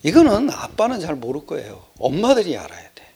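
An older man delivers a sermon with a rough, gravelly, somewhat husky voice. His pitch rises and falls a great deal and sits a little high for a man. He rambles conversationally, shifting from loud exclamations to hushed, whispered asides. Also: huge pitch swings, a little fast. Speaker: preacher.

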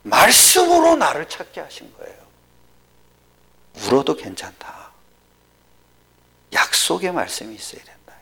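A pastor preaches with a husky, gravelly voice that leaps wildly between high and low. Key points sink into hushed whispers, and the congregation is kept engaged with repeated questions. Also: huge pitch swings, measured pace, pauses often. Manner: drops to a whisper for emphasis, asks the audience questions. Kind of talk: sermon.

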